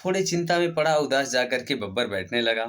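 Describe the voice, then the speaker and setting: A man's voice: medium pitch, animated, a little fast, a bit bright. A man narrating a motivational fable in a plain, conversational way. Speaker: storyteller. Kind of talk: motivational storytelling.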